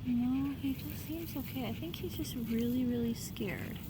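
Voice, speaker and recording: A woman's voice: sits high, normal speed, background noise. A woman filming her dog outdoors at night on her phone, talking casually, squealing, laughing and scolding as she goes. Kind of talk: casual home video chat. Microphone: handheld phone.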